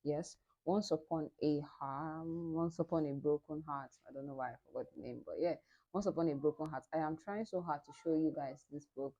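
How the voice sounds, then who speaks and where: A young Nigerian woman talks casually to her viewers about books. Her voice sits on the low side, and her delivery is chatty and playfully boastful, with big swings in pitch. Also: brisk, warm tone, dull audio. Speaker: book vlogger. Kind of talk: casual vlog chat to camera.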